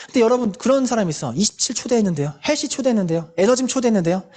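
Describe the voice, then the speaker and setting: A woman's voice: on the high side, animated, racing, mellow. A woman leading a motivational group meeting, emphatic and fond of repeated rhetorical questions, candid about her own past struggles. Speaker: sales team leader.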